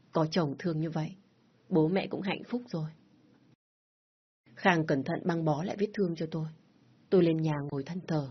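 Husky woman narrating a reflective story. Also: on the low side, muffled recording. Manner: soft, reflective, unhurried reading. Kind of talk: first-person story narration.

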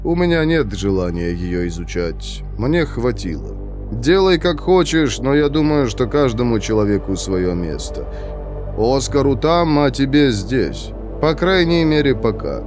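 A man voicing a calm, detached young male prisoner in his twenties who speaks slowly and in a measured, lecturing way. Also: mid-range voice, over music. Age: 20s.

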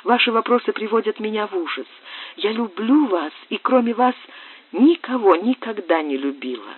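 A man voicing a young woman who pleads desperately, her voice raised higher than his narration. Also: animated, normal speed, husky, no echo. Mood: pleading. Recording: narrow phone-like audio.

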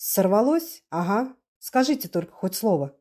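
A woman's voice: medium pitch, big pitch swings, moderate pace, mellow. A woman voicing a young male revolutionary who speaks in clipped, angry bursts. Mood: fierce. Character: young male revolutionary, hot-headed and fierce.

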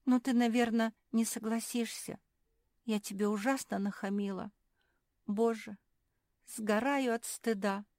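A woman's voice: on the high side, steady tone, unhurried, a little mellow, no echo, studio quality, voice pushed up. A woman voicing a remorseful young female labrador bride who begs forgiveness through tears. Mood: pleading. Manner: pleading, sobbing apologies.

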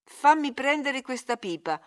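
A woman's voice: sits high, expressive, measured pace, pitched above the performer's own voice. A woman reading aloud, voicing a petulant, teasing young woman who turns pleading with her cousin. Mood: insistent. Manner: needling, then tearfully pleading.

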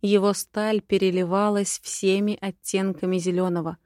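A woman reading a first-person fantasy story aloud in an unhurried, even way. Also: mid-range voice, dry recording, clean studio sound. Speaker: audiobook narrator.

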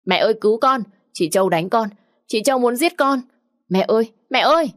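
A woman's voice: on the low side, animated, normal speed, darkish tone, dry recording, studio quality. A woman reading a story aloud, voicing a spoiled young woman who cries on cue and pleads in a whiny voice. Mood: tearful pleading.

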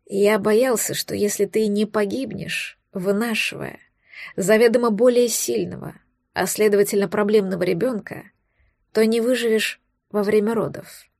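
A woman voicing a thousand-year-old male dragon, anxious and tender, speaking low and pleading in an audiobook. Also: fairly even intonation, moderate pace, creaky, a little mellow, no room sound, clean studio sound. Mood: remorseful.

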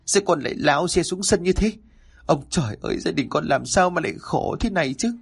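A man's voice: animated, brisk, vocal fry, husky. A man voicing an anxious middle-aged mother who frets over her injured son in a ghost story. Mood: frantic. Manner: shrill, anxious. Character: frantic middle-aged mother, worried and fearful.

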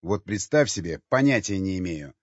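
A man's voice: low voice, expressive, normal speed, dry recording. A man voicing a weary, blunt expedition leader who talks with sarcastic exasperation. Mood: exasperated. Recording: dull lo-fi dry recording.

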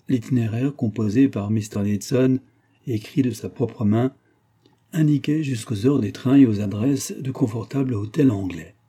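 Dark, husky male audiobook narrator. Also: on the low side. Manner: measured, literary.

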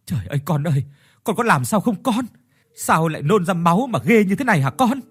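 A man's voice: mid-range voice, big pitch swings, normal speed, slightly rough. A man voicing an anxious middle-aged mother in a spoken horror story, pleading with her sick son. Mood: frantic.

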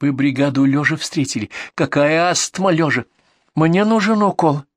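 A frail old granny with a creaky, quavering voice, as a male reader puts her on. She speaks high and fussily. The sound is dry and close. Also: normal speed, no echo, close to an everyday voice. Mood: fretful. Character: creaky frail elderly woman patient.

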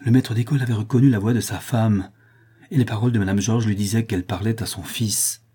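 Low, husky man narrating a novel. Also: fairly even intonation, fast, dark tone. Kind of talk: scripted audiobook narration.

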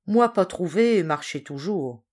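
A woman voicing a big, hearty sailor in his forties who speaks in broken pidgin French, booming and blunt. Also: lively intonation, measured pace, a little mellow. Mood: loud, storytelling.

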